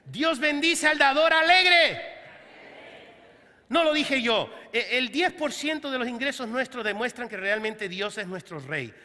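A man's voice: extremely high pitch, bright, forceful tone. A man preaching a sermon as pastor, telling humorous stories and acting out the voices of the people he quotes. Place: church hall. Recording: church hall reverb.

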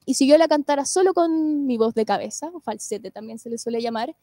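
A woman with a high, soft-toned voice lectures on singing and vocal care. She explains patiently and keeps checking in with her listeners. The sound is close and dry, with no room around it. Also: fairly quick, dry recording. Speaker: singing teacher and speech therapist. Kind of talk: online lecture.

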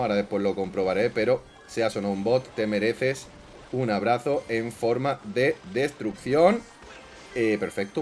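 A man giving excitable gameplay commentary, swinging from quiet mumbling to loud outbursts. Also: on the low side. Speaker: gaming YouTuber.

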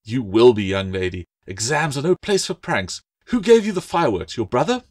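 A man's voice: mid-range voice, wildly swooping pitch, a little fast, pitched above the performer's own voice. A man reading an audiobook voices a harsh, strict middle-aged schoolmistress who snaps and scolds haughtily. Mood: scolding.

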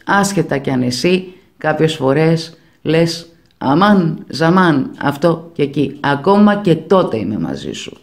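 A man's voice: on the high side, big pitch swings, gravelly. A man voicing the Lord as a fatherly, reassuring male figure who speaks in a familiar way.

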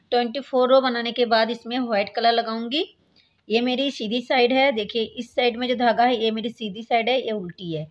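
Patient woman teaching knitting, slightly high voice. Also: muffled recording. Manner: patient, repeats "look, friends" while demonstrating. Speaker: craft tutorial host. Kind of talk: step-by-step knitting tutorial.

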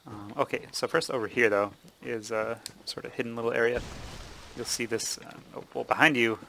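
Gravelly-voiced man commentating a game. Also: medium pitch, a little fast, slight background noise, rough recording. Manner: relaxed, explaining with many ums and uhs. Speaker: gaming channel host. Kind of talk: casual let's play commentary.

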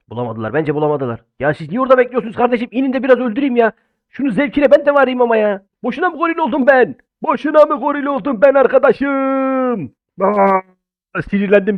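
A young man doing loud, exclamatory let's-play commentary while playing an online game, swinging between shouts and low muttering. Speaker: gaming YouTuber. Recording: phone-like narrow band.

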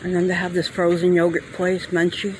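A man with a New York accent rambles through a casual walking tour of an outdoor shopping plaza, thinking aloud as he goes. His voice sits a little high. It is recorded on a handheld phone, with street and traffic noise heard clearly behind him. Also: completely flat delivery, fairly quick, low-quality recording. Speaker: vlogger. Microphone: handheld phone camera.

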